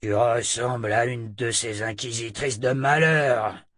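A man's voice: mid-range voice, a little slow, fairly bright tone, no room sound, clean studio sound, lightly acted. A man reading an audiobook and voicing a burly, suspicious thug who growls his lines. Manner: gruff, growling.

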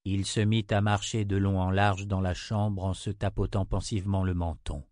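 A man narrating a fantasy audiobook in a measured, even storytelling manner. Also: sits low, no room sound, studio quality.

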